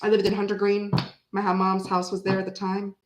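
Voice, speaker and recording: Chatting casually with livestream viewers, this Canada-born tarot reader in her forties, raised in Florida and bilingual in French, speaks with an American accent. She rambles, then breaks into sudden animated bursts, at medium pitch and a little fast; the low-quality recording has an echoey room sound.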